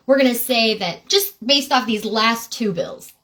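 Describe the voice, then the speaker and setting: A woman's voice: fairly high pitch, a little slow, sharp tone. A woman putting on the sarcastic, sing-song voice of a smug, condescending utility company representative.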